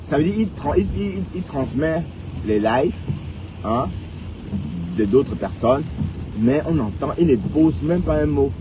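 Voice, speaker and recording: His voice is on the high side, lively in intonation and a little slow, with background noise. He's a man from Cameroon with a Cameroonian French accent, ranting on a casual live stream and mocking viewers, often ending lines with "hein."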